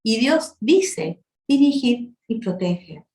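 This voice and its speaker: In an echoey hall, a guest speaker at a women's church meeting gives a sermon in a slightly high, mellow voice that is very animated yet slow-paced. Her preaching is passionate and tender, marked by abrupt changes in volume.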